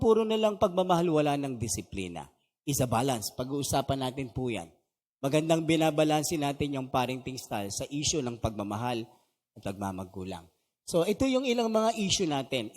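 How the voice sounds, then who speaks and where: A man's voice: on the high side, a little mellow. A middle-aged male pastor giving a conversational values seminar, asking his audience questions and mixing in English phrases. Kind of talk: seminar lecture to a live audience. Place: meeting hall with an audience. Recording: reverberant hall.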